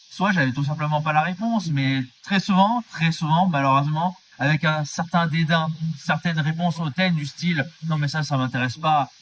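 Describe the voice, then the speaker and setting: A man's voice: fairly high pitch, far from the mic, slight background noise. A man from the Drôme who works as a baker, answering interview questions in an earnest, explanatory way. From France, Drôme. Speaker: baker, guest.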